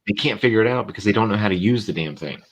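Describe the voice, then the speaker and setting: A man chats casually as a livestream co-host. His voice is a little low, and he talks in a blunt, offhand way. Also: expressive, racing, crowd noise. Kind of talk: casual chat.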